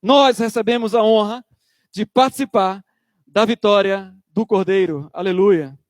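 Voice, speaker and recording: A man's voice: high-pitched, unhurried, no echo, studio quality. A man preaching a sermon as pastor, emphatic, acting out church members in quotes.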